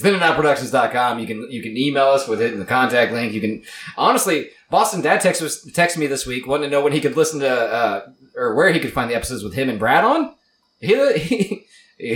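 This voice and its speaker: A man's voice: medium pitch, a bit bright, roomy sound. A man hosting a podcast in casual chat, joking and teasing his friends with lots of swearing. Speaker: podcast host.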